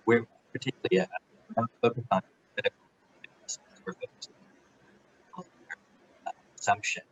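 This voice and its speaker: A man speaking as an investor on a panel through a remote video call, his audio choppy and glitchy, talking in a halting way with fillers and restarts. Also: fairly low pitch, breathy edge, muffled recording. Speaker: private equity investor on a panel.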